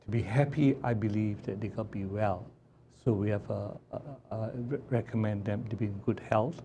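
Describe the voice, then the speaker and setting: Gravelly older man, guest doctor. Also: on the low side, fairly even intonation, moderate pace, warm tone, a little hiss or hum. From Malaysia, grew up in Singapore. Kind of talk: casual interview chat.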